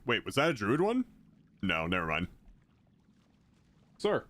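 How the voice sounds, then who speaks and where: A man's voice: on the low side, huge pitch swings, a little slow, fairly bright tone, dry recording. A young man streaming a game, chatting and joking with his viewers while eating. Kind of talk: casual livestream chat.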